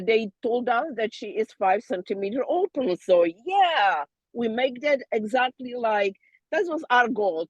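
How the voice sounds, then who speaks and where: Woman, doula student, chatty halting storyteller with loose non-native grammar, mid-pitched, muffled lo-fi audio. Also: no room sound. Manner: halting storytelling with many fillers and restarts. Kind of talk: casual birth debrief to peers.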